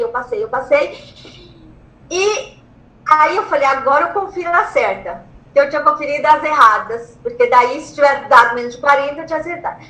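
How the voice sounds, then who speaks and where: A Brazilian woman with a high, bright voice tells her own story in an interview. She talks excitedly, repeats phrases and acts out what she once shouted. The room gives her voice a noticeable echo. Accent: Brazilian Portuguese. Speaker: interviewee, law graduate who passed the bar exam. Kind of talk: emotional personal storytelling.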